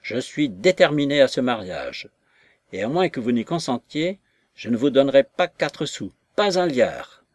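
A blustering country squire who shouts blunt threats and curses at his daughter, as a male reader puts him on. His voice is raised and forceful. The reading sounds dry and close. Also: medium pitch, sing-song, measured pace, dry recording. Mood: furious.

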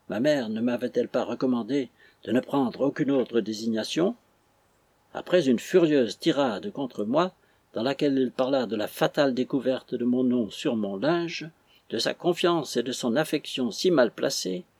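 A man narrates a first-person novel in a measured, expressive way. His voice is husky, and the recording is dry and close with no room sound. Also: mid-range voice, dry recording. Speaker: audiobook narrator.

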